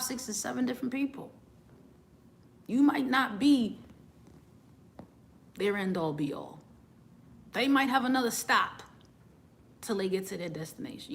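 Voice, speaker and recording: A woman's voice: a little high, creaky. A woman, a singer, giving an earnest motivational talk, often repeating words as she starts a thought.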